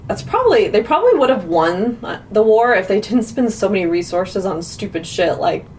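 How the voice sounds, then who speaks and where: A woman with a medium-pitched, very animated, slightly mellow voice co-hosts a paranormal podcast at a moderate pace. She chats and tells stories casually, rambling and saying "like" constantly. The mic is distant and there's background noise.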